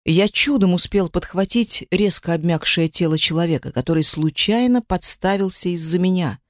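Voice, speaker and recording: A reader giving first-person audiobook narration with a dramatic, expressive storytelling manner. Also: mid-range voice, moderate pace, no room sound, studio quality.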